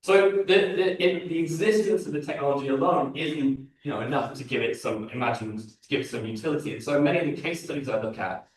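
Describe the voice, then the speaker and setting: A man's voice: a little high, fairly quick, few pauses. A man with a London accent giving a conference talk as a design researcher, earnest and thinking aloud with fillers and restarts. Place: large lecture hall. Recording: very echoey hall from far off.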